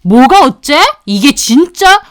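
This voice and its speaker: A woman voicing a rude, sneering male restaurant owner who mocks and shouts at people. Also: high-pitched, sing-song, normal speed, smooth, no echo, studio quality. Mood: angry shouting. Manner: shouting, mocking.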